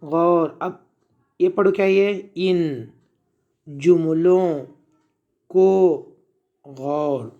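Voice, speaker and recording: A man's voice: a little high, very slow, pauses often, warm tone, muffled recording. A male teacher, patiently sounding out letters and asking the class to repeat words. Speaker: primary school Urdu teacher. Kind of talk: slow spelled-out reading lesson for children.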